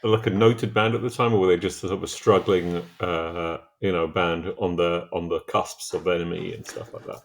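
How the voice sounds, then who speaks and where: A man with a low, gravelly voice co-hosts a casual music chat. He talks in a wry, halting manner. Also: fairly even intonation.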